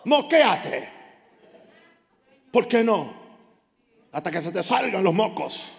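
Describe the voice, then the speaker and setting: A male pastor preaching a fervent sermon in church, shouting at times and breaking into tongues. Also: sits high, expressive, a little slow, gravelly. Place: church hall. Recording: church hall with long reverb.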